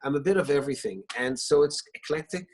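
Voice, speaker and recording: A middle-aged singer-songwriter guest, Israeli-born with Hebrew as his first language, talks fast in a voice on the high side. He's on a video call at home in his living room, telling warm stories with a lot of fillers, restarts and hesitation.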